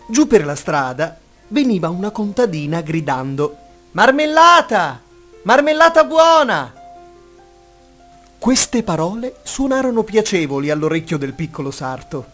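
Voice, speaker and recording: A man telling a bedtime fairy tale with a fairly high and very animated voice. His reading is expressive and full of life. Soft instrumental music plays quietly behind him. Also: normal speed. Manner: expressive, lively storytelling. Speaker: storyteller.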